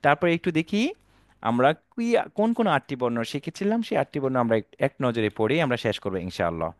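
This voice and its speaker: A male Quran teacher giving an online alphabet lesson, drawing out each letter slowly and asking viewers to repeat after him. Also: medium pitch, sing-song, no echo, clean studio sound. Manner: slow, drawn-out letter recitation for viewers to repeat; patient, repetitive teaching.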